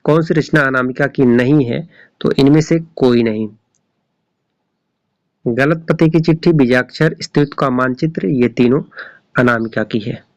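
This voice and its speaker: A man's voice: mid-range voice, unhurried, long pauses, dry recording, highs cut off. A man runs through exam questions as a tutor, in a mid-range voice. He reads out every option in turn, then comes back to confirm the correct one. The sound is dry and close, with no room around him. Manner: reads each option aloud, then repeats the answer. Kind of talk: reading quiz questions and answers.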